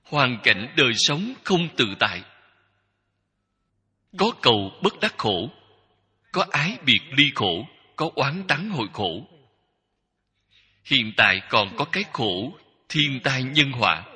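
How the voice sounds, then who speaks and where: A man giving a Buddhist dharma talk as a teacher, speaking in slow, measured short phrases that repeat. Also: medium pitch, very animated, bright, forceful tone, breathy edge. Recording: long hall reverb.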